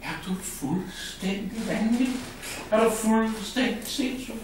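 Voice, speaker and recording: A man putting on a shrill scolding frog mother. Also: animated, sharp tone. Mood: outraged. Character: shrieking outraged frog mother. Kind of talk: live storytelling. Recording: echoey room, distant mic, noisy.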